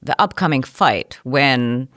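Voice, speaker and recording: A woman from Indonesia hosting a podcast, asking thoughtful, measured questions. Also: extremely low pitch, expressive, fairly bright tone, no room sound, clean studio sound. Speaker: podcast host. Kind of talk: podcast interview.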